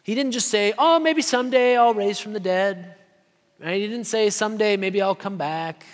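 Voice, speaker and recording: Brief: male preacher, high voice, chatty sermon delivery, echoing church hall. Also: moderate pace. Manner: conversational, often asks "right?". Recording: long hall reverb.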